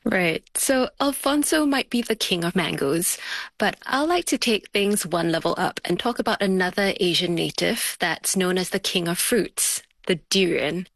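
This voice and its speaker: A woman's voice: lowish voice, lively intonation, normal speed, creaky, a bit bright, no echo. Woman explaining science on radio, dry sound. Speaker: science broadcaster on a panel. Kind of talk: explanatory radio storytelling with analogies.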